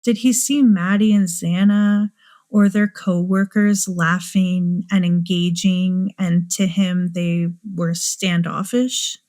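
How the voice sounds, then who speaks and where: A woman's voice: fairly low pitch, steady tone, slow pace, darkish tone. A woman hosting a true crime show, musing aloud and asking many rhetorical questions. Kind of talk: speculative true crime commentary.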